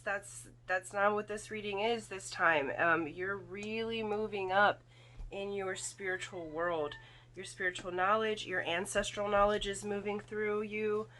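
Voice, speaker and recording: A woman giving a spiritual card reading in casual, halting talk, her throat slightly foggy and congested from irritation. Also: medium pitch, fairly bright tone. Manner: halting, thoughtful, often checks with "okay?". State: throat irritated by volcanic fog, occasional coughing and throat clearing. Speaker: tarot and oracle card reader.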